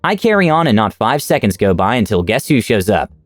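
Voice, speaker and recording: Man narrating stories with animated pitch. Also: brisk, no echo, faint music behind. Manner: lively, expressive reading. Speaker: story narrator. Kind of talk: scripted narration of online stories.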